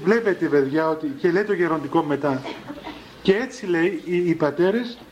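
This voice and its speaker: High-voiced man telling a monastery anecdote. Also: expressive, a little mellow, muffled recording. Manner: storytelling with quoted dialogue and light laughter. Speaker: monk and spiritual father. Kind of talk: spiritual talk told as anecdotes. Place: room with a live audience. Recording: old cassette recording with faint hiss.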